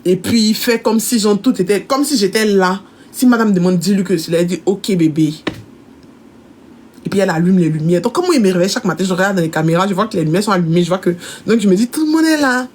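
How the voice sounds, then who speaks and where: A woman tells a long story from her own shop in a lively, casual way, slipping into the voices of her employees when she quotes them. Her voice sits at a middle pitch, with faint noise behind her. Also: rapid-fire. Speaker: shop owner telling a story.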